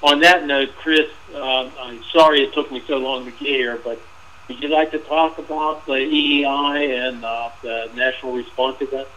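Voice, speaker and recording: A man presenting slides in a webinar, talking informally with fillers and repeats, his voice going hoarse. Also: medium pitch, fairly even intonation, moderate pace, pushed and bright, dull audio, slight background noise. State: losing his voice.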